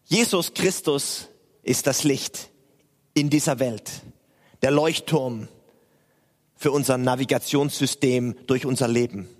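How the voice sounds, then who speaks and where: Man preaching slowly in a church. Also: mid-range voice, breathy edge, long reverb tail. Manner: earnest, questioning preaching. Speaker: pastor. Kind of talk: sermon.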